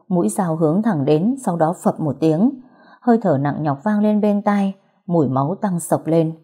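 A woman narrating an audio story in a steady, dramatic way. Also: lowish voice, husky.

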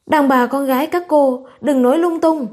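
A proud young swordsman from a martial arts tale talks bluntly and dismissively, read by a woman in her own voice. The voice stays mellow and fairly high. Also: moderate pace, close to an everyday voice.

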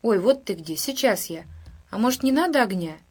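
A woman voicing a lonely young village woman of twenty-three, speaking softly and coaxingly. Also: mid-range voice, expressive, moderate pace, breathy edge. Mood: tender. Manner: soft, hushed and coaxing.

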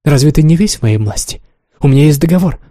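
A scornful young noblewoman with an imperious, coolly commanding way of speaking, as a male reader puts her on. Her tone is dark and mellow. The recording is dry and close. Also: on the high side, lively intonation, fast talker, no room sound, natural voice. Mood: threatening. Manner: taunting, haughty, coolly commanding. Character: imperious cruel young noblewoman, mocking and cold. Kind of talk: audiobook reading.

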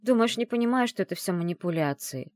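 A touchy young witch student who snaps back at her friend in a sulky, defensive tone, as an audiobook reader plays her. Her voice rises and falls in lively swings. It sounds close and dry. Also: medium pitch, fast, dry recording, voice pushed up, natural voice. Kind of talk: audiobook character reading.

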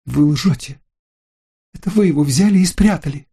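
A man voicing a frantic young woman who screams furious accusations in a shrill voice. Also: moderate pace, dark tone, husky.

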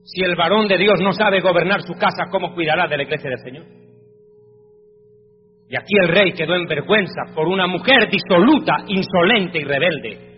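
High-pitched male preacher, emphatic and questioning, reads scripture; reverberant dull recording with soft music underneath. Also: moderate pace. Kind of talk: evangelical sermon.

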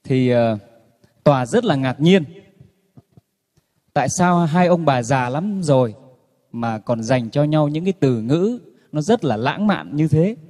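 A man telling jokes to an audience in a relaxed storytelling way, with many fillers. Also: on the high side, measured pace, pauses often, long reverb tail. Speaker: joke teller.

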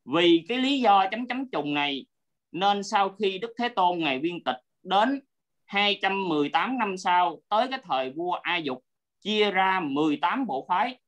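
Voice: mid-range voice, expressive, normal speed, a bit bright. A teacher explaining a Buddhist text in an online class, patiently checking that the student is keeping up. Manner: patient, checks often that the listener is following. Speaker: Abhidhamma teacher. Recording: dull lo-fi audio.

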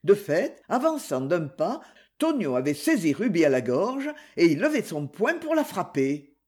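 An audiobook narrator reading a crime novel in a measured storytelling manner. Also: mid-range voice, big pitch swings, darkish tone, husky. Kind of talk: scripted narration.

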